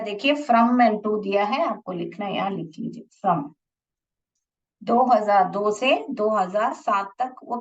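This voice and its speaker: A woman's voice: mid-range voice, distant mic, muffled recording. A woman teacher explaining an English lesson to children, mixing Hindi and English, spelling out words and asking the class questions.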